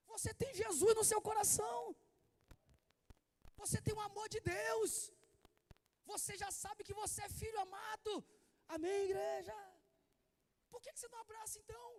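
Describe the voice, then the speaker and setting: A man preaching a sermon to a church congregation, animated and constantly calling out questions to the crowd. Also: very high voice. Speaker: pastor.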